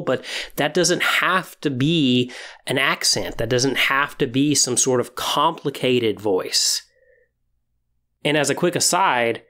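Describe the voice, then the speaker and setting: With a medium-pitched, slightly bright voice, this man hosts a podcast on tabletop roleplaying. His semi-scripted delivery addresses listeners directly and encouragingly.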